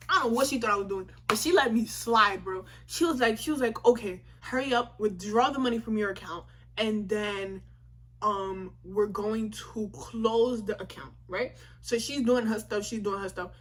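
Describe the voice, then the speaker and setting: Husky young woman telling a storytime. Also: medium pitch. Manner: animated retelling full of quoted dialogue and slang. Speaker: vlogger. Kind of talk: casual storytime.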